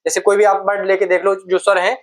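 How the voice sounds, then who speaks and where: Speaking quickly in a mid-range voice with little pitch movement, a woman gives a Hindi grammar lesson aimed at exam prep. She goes step by step, asks and answers her own questions, and repeats the key terms.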